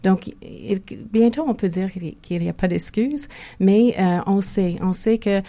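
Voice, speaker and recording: A woman's voice: medium pitch, unhurried, dark tone. An older woman with a Québécois French accent, a physiotherapist speaking as a guest in a conversational interview, thoughtful and often restarting her sentences. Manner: thoughtful, many restarts and hesitations.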